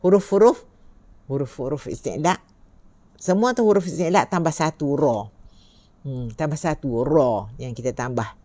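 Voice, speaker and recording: A woman teaching Quran recitation, slowly repeating letter sounds and asking her listeners rhetorical questions. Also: low-pitched, lively intonation, warm tone, no echo. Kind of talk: tajwid lesson.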